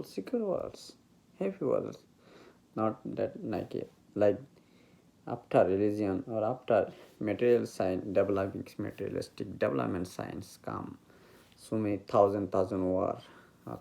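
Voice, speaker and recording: In a relaxed spiritual talk about meditation, a male teacher with a Bengali accent stumbles and searches for English words, a language he acquired later. He has a fairly low, mellow voice with vocal fry.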